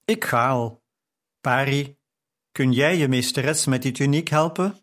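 A playful young nobleman speaks with easy confidence, read by a male audiobook narrator. The pace is unhurried, with a light teasing edge. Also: mid-range voice, fairly bright tone, close to an everyday voice. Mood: breezy. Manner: breezy and playful. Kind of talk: audiobook reading.

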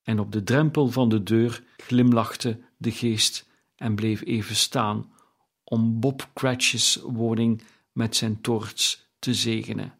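A man narrating a classic tale as an audiobook in a measured storytelling manner. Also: lowish voice, steady tone, breathy edge.

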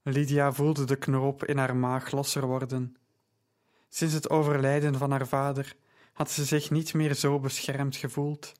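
A man narrating an audiobook in a calm, deliberate reading voice. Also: medium pitch.

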